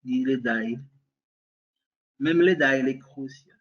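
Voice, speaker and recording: A man's voice: medium pitch, takes it slowly, fairly bright tone, highs cut off. Brazilian-accented man, hesitant webinar demo. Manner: hesitant, many fillers and restarts; checks in with listeners often. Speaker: webinar presenter. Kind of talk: software demonstration webinar.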